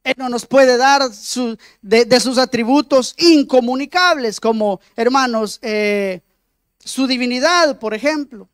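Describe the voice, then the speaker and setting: Male lay preacher, emphatic sermon delivery, high voice, dry close sound. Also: measured pace, clear, resonant tone, dry recording. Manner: emphatic, frequent direct address to the congregation; rhetorical repetition of words.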